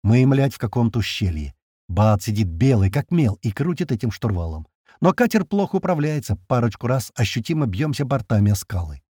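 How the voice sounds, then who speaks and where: A man narrating an action audiobook in the first person with tense, lively storytelling. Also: mid-range voice, brisk, husky, no room sound, studio quality.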